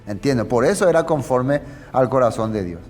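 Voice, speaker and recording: A preacher teaches a Bible passage in a conversational sermon, frequently checking in with listeners by asking "¿no?" His mid-range voice is expressive, brisk, and slightly dark in tone, with a long reverb tail and soft background music behind him.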